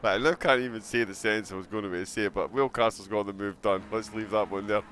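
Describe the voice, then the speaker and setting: A man's voice: fairly low pitch, steady tone, quick pace, a bit bright, slight background noise. A man commentating a live sim-racing broadcast, chatting and giggling as he reacts to viewers' chat between race calls.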